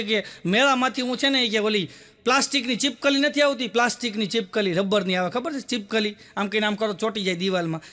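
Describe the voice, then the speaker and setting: A young man telling stand-up jokes, acting out the voices of the people in his stories. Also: very high voice. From Gujarat, India. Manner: lively storytelling, acts out quoted voices. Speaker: stand-up comedian.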